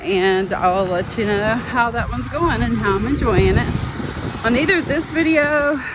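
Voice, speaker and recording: A woman's voice: fairly high pitch, measured pace. A woman chatting casually to her viewers as a vlogger, talking into a phone while out on a walk. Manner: chatty, self-deprecating, talks to viewers as friends. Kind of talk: casual vlog chat. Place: outdoors on a walk near traffic. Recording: outdoor traffic noise behind.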